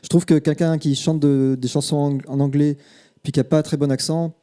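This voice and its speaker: Mellow man chatting casually. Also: on the high side, level tone, fairly quick, clean tone. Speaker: guest singer. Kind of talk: casual talk show chat.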